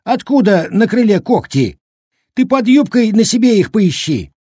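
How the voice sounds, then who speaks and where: A man voicing a sly, boastful old Cossack cook with a squeaky, rustic, bickering voice. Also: very animated, unhurried, a little mellow, slightly rough, no echo, clean studio sound, full character voice. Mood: indignant. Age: older.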